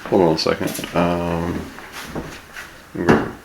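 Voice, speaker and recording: A man's voice: sits low, completely flat delivery, unhurried. A man calling a customer service line, talking casually, a little hesitant but persistent. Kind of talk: casual phone inquiry. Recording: echoey room, clear background noise.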